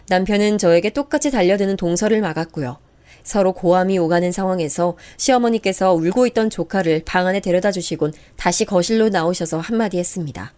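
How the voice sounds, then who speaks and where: A woman's voice: lowish voice, darkish tone. A woman narrating a scripted first-person family story in a conversational, emotional way.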